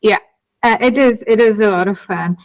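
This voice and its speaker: Woman, podcast host, casual interview, effusive, repeats phrases, medium pitch, dry close sound. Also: moderate pace, no echo, low-quality recording. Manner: enthusiastic, effusive, repeats herself.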